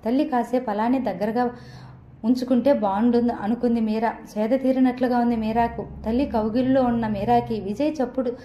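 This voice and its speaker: A woman narrating a novel in a steady storytelling manner. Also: fairly high pitch, brisk, a little hiss or hum. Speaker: audiobook narrator. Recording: dull, roomy echo.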